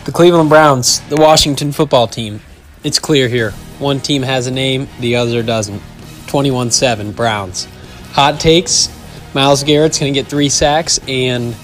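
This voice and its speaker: A man's voice: medium pitch, fairly bright tone. A man hosting another podcast, sending in an upbeat, punchy sports prediction. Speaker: podcast host guest. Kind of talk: recorded sports prediction message.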